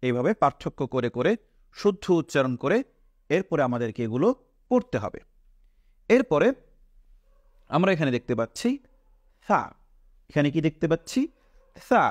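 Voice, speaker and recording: A male teacher with a Bangladeshi Bengali accent leads a patient pronunciation lesson, stretching each letter sound and repeating it. His voice sits a little high for a man. The recording is dry and close, with no room echo. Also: sing-song, normal speed, long pauses, a little mellow. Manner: asks the class questions and answers them himself. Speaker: Quran reading teacher.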